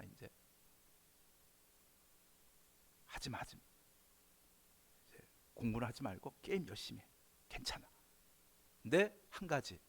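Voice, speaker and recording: A pastor voicing a sly male devil who tempts people in a low, hushed, coaxing voice.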